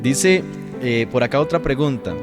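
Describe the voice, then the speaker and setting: A male interview host, responsive and quick with short exclamations, asking his guest questions at a mid pitch. Clear guitar music plays behind his voice. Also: animated. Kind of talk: conversational interview.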